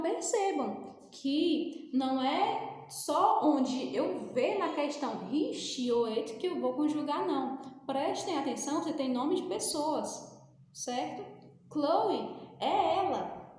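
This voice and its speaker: A Brazilian woman with a Brazilian Portuguese accent teaches English grammar in a recorded remote class, explaining patiently step by step and often checking in with her students. Her voice is high-pitched and a little mellow. The room is echoey, with a long reverb.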